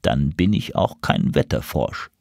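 Man doing a hushed old crow seer woman. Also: very deep voice, lively intonation, no echo, studio quality, voice pushed down, heavily acted. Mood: ominous. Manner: slow, hushed, ominous whispering.

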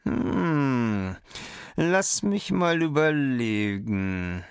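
A man voicing a sly, calculating male fox in a storybook reading, talking slowly and weighing each word. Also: mid-range voice, lively intonation, clear, resonant tone, no room sound, clean studio sound, voice pushed up. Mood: musing.

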